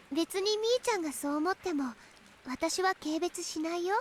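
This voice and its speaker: A woman's voice: very high voice, animated, normal speed, slight background noise. A woman playing a mysterious, sweetly smiling yet unsettling teenage girl in a Japanese visual novel. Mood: sweet, probing.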